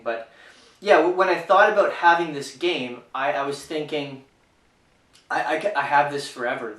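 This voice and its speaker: A man's voice: medium pitch, fairly bright tone. A man giving a casual, unscripted board game review, hesitant and full of fillers and restarts. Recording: echoey room, mic far off.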